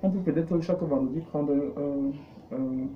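A fairly high-pitched male voice moves at a measured pace as a middle-aged business coach and consultant talks things through. He explains conversationally, drawing on examples and rhetorical questions. The room recording from his small indoor studio office is muffled, dark and noisy.

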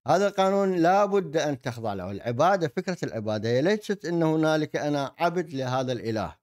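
A man explains ideas in a monologue, haltingly, often repeating himself as he searches for words. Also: on the high side, animated, a little mellow. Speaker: host, commentator. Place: indoor desk setup with virtual backdrop. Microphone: desk microphone on an arm.

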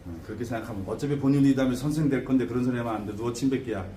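A man teaching students as a shaman teacher, lecturing in an animated way with frequent tag questions and laughter. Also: medium pitch, rapid-fire. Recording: echoey room with faint background noise.

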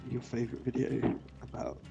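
A man's voice: mid-range voice, sing-song, brisk, vocal fry, muffled recording, music in the background. A man in casual gaming chat, making dry teasing remarks. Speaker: player.

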